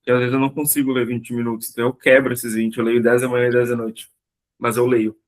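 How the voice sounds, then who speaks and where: Brief: quick-talking man, mid pitch, casual and supportive. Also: level tone, poor audio. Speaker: book club member. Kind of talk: casual group chat.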